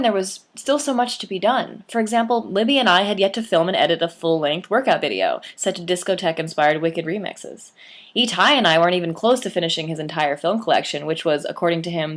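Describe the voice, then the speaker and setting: A young woman with a voice somewhat low for a woman reads her own memoir aloud. She brings lively, playful emphasis, like a storyteller sharing something personal.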